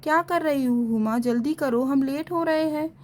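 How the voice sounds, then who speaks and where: Woman voicing a young girl student, brisk and teasing, high voice, storybook reading. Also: darkish tone, lightly acted. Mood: hurried.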